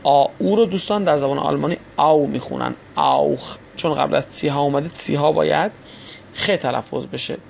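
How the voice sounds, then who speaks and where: Man, language teacher, patient and formal, gravelly rasp, a bit high-pitched. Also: a little hiss or hum. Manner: addresses listeners as friends, polite formal phrasing; spells letters slowly and repeats sounds for students. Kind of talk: recorded language lesson.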